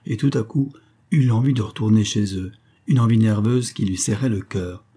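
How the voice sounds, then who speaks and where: A man reading a classic novel aloud as scripted narration, in a measured literary way. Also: lowish voice, warm tone, husky. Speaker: audiobook reader.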